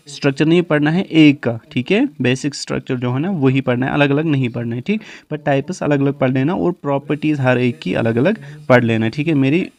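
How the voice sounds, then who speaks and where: A man teaching nursing exam topics, repeating key terms back as questions and often clearing his throat. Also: mid-range voice, a little mellow. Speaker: nursing tutor.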